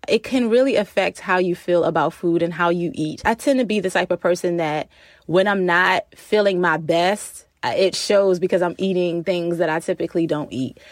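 A woman's voice: on the low side, no room sound, clean studio sound. A woman hosting a solo podcast in a chatty, informal way, recorded inside a closet. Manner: chatty, informal, laughs while talking. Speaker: podcast host. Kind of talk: casual solo podcast talk.

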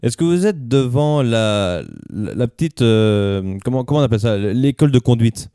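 Mellow, dry-sounding male radio host. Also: medium pitch, lively intonation, normal speed, clean tone, dry recording. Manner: easygoing, hesitant with fillers. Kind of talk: improvised comedy radio banter.

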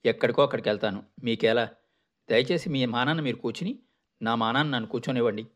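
A man's voice: mid-range voice, fast talker, a bit bright, natural voice. Man voicing a curt, annoyed passenger. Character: weary, curt male passenger in green coat.

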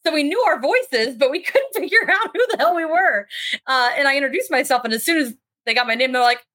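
A woman chatting informally as a podcast guest, telling stories in an animated, chatty way and swearing freely. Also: high-pitched, fairly quick. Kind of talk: casual chat, animated storytelling.

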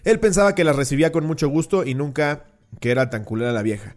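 A man's voice: on the high side, faint music behind. A man co-hosting a casual podcast, cracking crude jokes and reading a listener's story. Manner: crude jokes, quick comebacks, laughs loudly. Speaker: podcast co-host. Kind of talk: casual chat.

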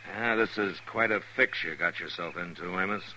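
A man acting as a stern, steady frontier marshal in a 1950s radio western, laconic and commanding, measured in delivery. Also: deep voice. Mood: measured, probing. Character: stern, steady male frontier marshal, patient but firm. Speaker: lead actor in a radio western. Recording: noisy vintage 1950s radio broadcast recording.

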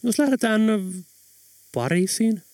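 A man's voice: sits high, big pitch swings, a little mellow, no room sound, studio quality, voice pushed up. A man reading an audiobook voices a jokey, easygoing young man in a raised, upbeat tone.

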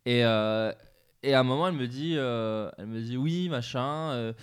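A man's voice: medium pitch, normal speed, clear, resonant tone. A young man on a podcast, telling a dating anecdote in a rambling way with many fillers and restarts. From France. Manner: rambling storyteller, many fillers and self-corrections. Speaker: podcast co-host. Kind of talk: casual group chat, telling an anecdote.

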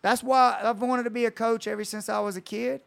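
A man's voice: extremely high pitch, flat delivery, a little fast, gravelly, fairly bright tone. A young man, a coach, telling a personal story in casual podcast chat, full of swearing and retold dialogue. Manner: storytelling, retells conversations with swearing.

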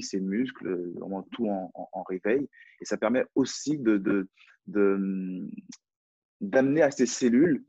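A man's voice: fairly low pitch, mellow, breathy edge, no room sound, lo-fi sound. A man with a French accent, a personal development coach, talking casually and hesitantly with many fillers and restarts. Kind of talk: casual live discussion.

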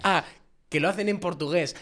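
A man co-hosting a casual podcast chat, telling jokey stories in an animated way. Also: sits high, normal speed. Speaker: podcast co-host.

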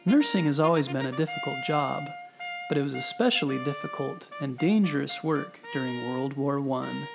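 A man narrating a scripted history story for children, gently and clearly explaining as he speaks to the listener, as a storytelling host. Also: medium pitch, normal speed. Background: background music.

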